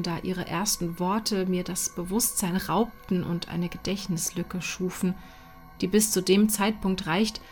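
Female horror narrator, unhurried, hushed and whispering, over soft music. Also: mid-range voice. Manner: slow, hushed, sinking to whispers. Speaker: reader. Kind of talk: dramatic horror story reading.

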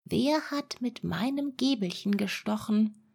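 A woman's voice: a little high, expressive, a little slow, creaky, a little mellow, slightly rough, pitched above the performer's own voice, full character voice. A woman voicing seven small kindly male dwarfs in a whispered role-play, asking earnest questions. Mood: puzzled.

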